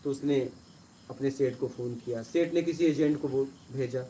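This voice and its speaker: A man, a spiritual teacher, telling stories to listeners and acting out quarrels in a rising, forceful voice. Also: mid-range voice, normal speed, a little hiss or hum. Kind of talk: storytelling talk to listeners.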